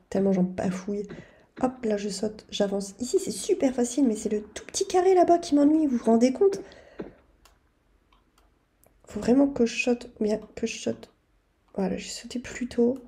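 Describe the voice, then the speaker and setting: A woman's voice: a little high, dark tone. A woman giving chatty, self-mocking commentary over her own gameplay and talking straight to her viewers. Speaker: gaming video creator.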